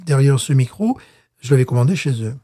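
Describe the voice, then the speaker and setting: A man's voice: mid-range voice, lively intonation, brisk, mellow. A man co-hosting a casual beer-tasting podcast chat, talking hesitantly with frequent restarts and fillers. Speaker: podcast co-host.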